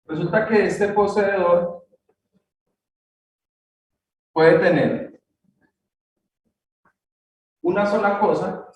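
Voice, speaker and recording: A man's voice: high-pitched, steady tone, extremely slow, pauses often. A man teaching a grammar lesson in a church classroom, checking in with short questions and repeating key words. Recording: echoey room, distant mic, faint noise.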